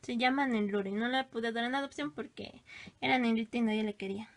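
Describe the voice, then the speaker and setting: A woman chats casually through a stack of her old sketches. She gushes and exclaims, teasing herself along the way. Her voice sits a little high. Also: a little fast. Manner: gushing, exclamatory, self-teasing. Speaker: vlogger showing her old drawings. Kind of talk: casual show-and-tell.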